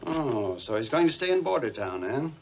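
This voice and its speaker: An actor playing a smooth, scheming gunrunner boss with dry, ironic politeness, in 1940s western film acting. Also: male voice, medium pitch, very animated, normal speed, a little hiss or hum. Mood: commanding. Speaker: scheming gun-running ranch boss. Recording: dull, lo-fi old film sound.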